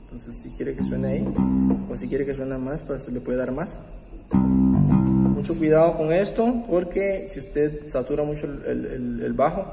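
A man hosting a keyboard tutorial, explaining step by step in a patient, halting way with many pauses and restarts. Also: medium pitch, sing-song, vocal fry. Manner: warm, patient, uses religious greeting. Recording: roomy, echoey room with long reverb. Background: faint keyboard music.

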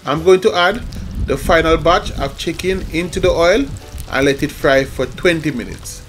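A man's voice: on the high side, normal speed, fairly bright tone. A man cooking outside over a wood fire, talking straight to his viewers in an upbeat way. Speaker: cook showing a recipe. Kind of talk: outdoor cooking vlog. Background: oil sizzling, faint music.

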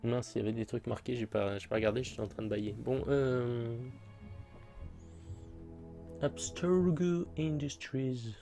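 A man narrates his own gameplay in a sardonic, joking way, his voice gravelly with fry. Game music sits faintly behind him. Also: medium pitch, steady tone, measured pace, pauses often, mellow. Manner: sarcastic, joking asides. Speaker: gamer commentator. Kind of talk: let's play commentary.

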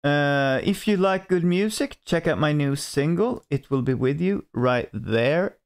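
A Swedish-accented man hosting a music reaction video, giving frank opinions in an unhurried, casual way. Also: a little high, expressive, clear, resonant tone. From Sweden.

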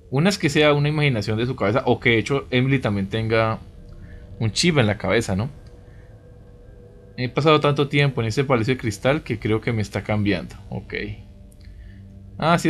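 A man's voice: mid-range voice, slight background noise. A man doing casual let's play commentary, chatty, reading game dialogue aloud and reacting with exclamations and asides. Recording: music behind the voice. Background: game music.

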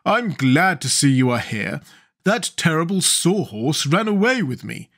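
Guy doing a sweet dim pumpkinhead wooden man from a storybook, lifted pitch. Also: very animated, a little slow, a bit bright, exaggerated voice. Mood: delighted, polite. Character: delighted, polite, naive wooden pumpkin-headed man. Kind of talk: storybook character voice.

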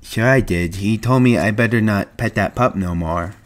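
A man voicing a big, slow, childlike ranch hand in an audiobook, talking in a soft, hesitant, pleading way. The voice is low and quiet, timid and simple. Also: natural voice. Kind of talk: audiobook reading.

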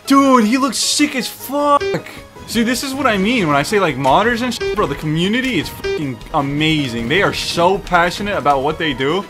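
Animated high-pitched man commentating on games. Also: normal speed, music in the background. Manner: animated, exclamatory, heavy casual swearing. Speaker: gaming streamer. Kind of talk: excited casual video game commentary.

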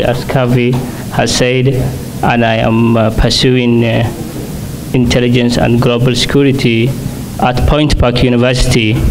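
A young man from Somalia with a Somali accent, giving a halting speech at an awards banquet, often restarting with fillers. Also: mid-range voice, gravelly, noisy background. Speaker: award guest speaker. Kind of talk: prepared speech at a podium. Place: banquet hall stage. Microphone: podium microphone.

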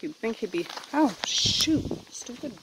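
Speaking at an unhurried pace in a high-leaning, very animated and slightly bright voice, this Nova Scotia mother in her thirties films a casual family vlog outdoors on a windy beach and forest trail. She talks to the camera held at arm's length and shouts to her children, and the poor audio carries slight background noise.

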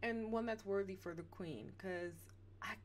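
A woman's voice: medium pitch, unhurried, a little hiss or hum. A woman hosting a reaction vlog, chatting playfully and animatedly straight to her viewers. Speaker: reaction channel host.

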